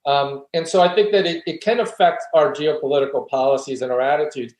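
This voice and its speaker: Fairly high in pitch, a little mellow, and fairly quick, this male voice belongs to a philosophy professor appearing as an interview guest. He explains and argues earnestly in a conversational way, recorded in an echoey, roomy space.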